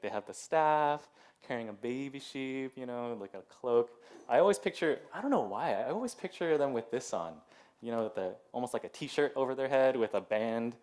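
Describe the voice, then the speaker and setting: A man's voice: mid-range voice, a little mellow. A man in his thirties giving a casual sermon as pastor in a church, chatty and full of "like" and "um", with laughing asides. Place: church sanctuary.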